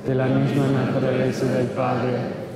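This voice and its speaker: A man leading Mass as priest, intoning the creed and prayers in a steady, measured way, his voice carrying a cathedral echo. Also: mid-range voice, a loud crowd. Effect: cathedral echo, long church reverb. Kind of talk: liturgical recitation of creed and prayers. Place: large church. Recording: echoey church hall with congregation. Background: congregation responding.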